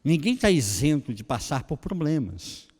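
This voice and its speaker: A man's voice: fairly high pitch, moderate pace, husky. A middle-aged Brazilian man with a Brazilian Portuguese accent, preaching a sermon and telling a personal story, acting out the dialogue in different voices. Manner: animated, acts out dialogue in voices. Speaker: pastor. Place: church hall. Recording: reverberant church hall.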